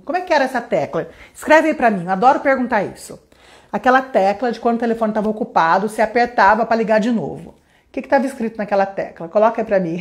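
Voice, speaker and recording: A woman from Brazil teaching English on a live stream, chatty and lively, greeting viewers by name. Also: a little high. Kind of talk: live-streamed lesson chat.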